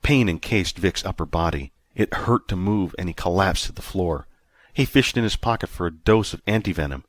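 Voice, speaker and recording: A man narrating a sci-fi audiobook in a steady, measured storytelling manner. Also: sits low, no echo. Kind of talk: scripted narration.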